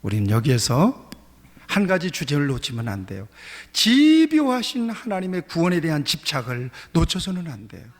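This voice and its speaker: A man's voice: fairly high pitch, wildly swooping pitch, normal speed. A male pastor preaching a sermon in a church sanctuary, emphatic, often repeating his key phrases. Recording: reverberant church hall.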